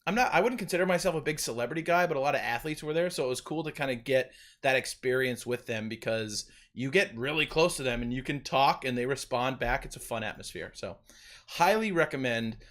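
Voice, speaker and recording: A man's voice: mid-range voice, brisk, fairly bright tone. A young man hosting a casual sports podcast, easygoing and chatty, laughing often. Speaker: podcast host.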